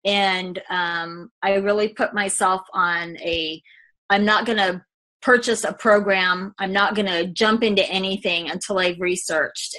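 A woman real estate agent talks through her experience in a loose, rambling way. She corrects herself mid-sentence and laughs often. Her voice is bright and forward. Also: mid-range voice, rough recording. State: emotional, close to tears. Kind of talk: testimonial interview.

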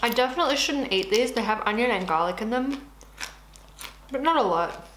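A lively, brisk woman in her twenties with a fairly high, slightly bright voice chats casually while eating, talking through a full mouth. She's a beauty vlogger, recorded in an echoey room with a faint hiss.

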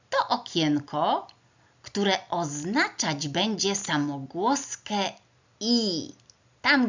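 A woman teaching young children to read speaks very slowly and sounds out each word letter by letter. Her voice is bright and a little low, and the recording is dull and lo-fi. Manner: slow, sounding out words letter by letter. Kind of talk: first-grade reading lesson.

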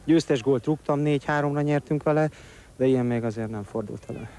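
A man in his thirties, a football player, answering in a post-match interview outdoors on the pitch into a handheld microphone. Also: dark tone. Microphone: handheld reporter microphone. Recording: outdoor interview with faint noise.

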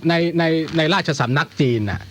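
A man's voice: fairly high pitch, expressive, normal speed, a little hiss or hum. A man hosting a radio programme in an informal way, with wry asides, as he chats and reads. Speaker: radio host. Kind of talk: radio phone-in chat and letter reading. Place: dry radio studio.

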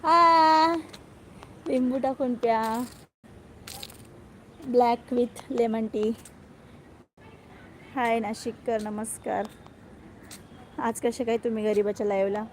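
A woman with a high voice chatting on a live stream, greeting viewers one by one and teasing them. She jokes about herself in a playful way. A faint hiss sits under her voice. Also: steady tone, takes it slowly, long pauses.

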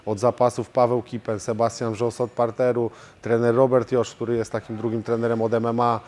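A man in his own martial arts gym answers interview questions, speaking as a fighter and coach. His pitch sits at an average height and barely moves, which gives a flat, even delivery. He fills pauses with drawn-out hesitations as he gathers his thoughts. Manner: steady, level delivery with hesitation fillers.

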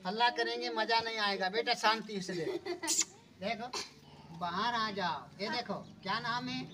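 A man performing as a street magician and snake showman, loudly coaxing the onlookers, giving orders and calling for claps. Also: sits high, normal speed, noisy background. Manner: loud, coaxing showman who keeps ordering the crowd to clap. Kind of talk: street show patter. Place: village street, outdoors. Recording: far from the mic, loud crowd around. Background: loud crowd of onlookers.

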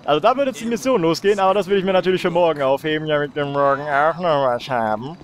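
A young man with a slightly high voice hosting a let's play, joking, swearing and chatting to his viewers as he plays. A faint hiss runs underneath. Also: fast. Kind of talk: casual gameplay commentary.

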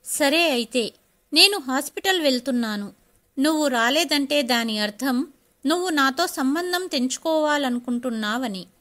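Woman doing a high bright stubborn young wife, teary and defiant, storybook style. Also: lively intonation, normal speed. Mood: hurt, defiant.

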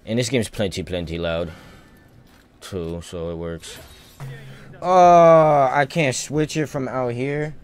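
Talking to himself in sweary, slang-filled asides, a man streams a game against a backdrop of music and game sounds. His mid-range voice is smooth, and he speaks slowly with frequent pauses.

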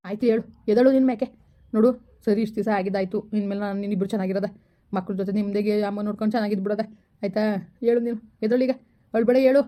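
A forgiving village husband, played by a woman, soothes his wife. He talks very fast in a flat, mellow, slightly high voice. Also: close to an everyday voice. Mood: consoling. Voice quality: coaxing, reassuring. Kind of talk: village family drama acting.

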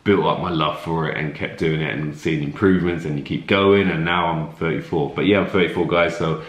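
A man in his thirties with a low voice chats casually through viewer questions, relaxed and full of fillers and restarts. The sound is roomy, with echo from the home room around him, and he is picked up by a camera sitting in front of him. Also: fairly quick. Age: 30s. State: slightly runny nose. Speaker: fitness coach answering viewer questions. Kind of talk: casual Q&A vlog. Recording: echoey room.

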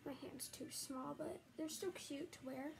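A young girl talking casually and a bit scattered during an unboxing, her voice muffled through a mask, over loud background noise. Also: high-pitched, unhurried, creaky. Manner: chatty, a little scattered. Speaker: vlogger.

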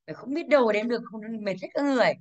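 Woman, English teacher, classroom, quizzing pupils, fairly high voice. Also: lively intonation, racing, lo-fi sound. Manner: quizzing pupils, drilling pronunciation. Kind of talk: classroom lesson.

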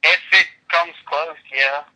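A 21-year-old man from Louisiana, chatting casually as a caller over the phone, laid-back and quick to laugh. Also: on the high side, steady tone, bright, forceful tone, poor audio. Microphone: phone call.

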